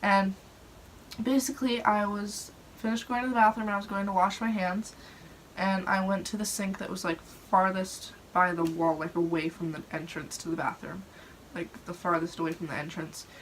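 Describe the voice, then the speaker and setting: A woman's voice: mid-range voice, fairly even intonation, normal speed, poor audio. A young adult woman casually telling personal stories in a chatty, rambling way, saying "like" often. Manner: chatty, rambling, heavy use of "like". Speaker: storyteller host. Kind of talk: casual storytelling about personal experiences. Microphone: phone propped on a dresser. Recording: clear background noise.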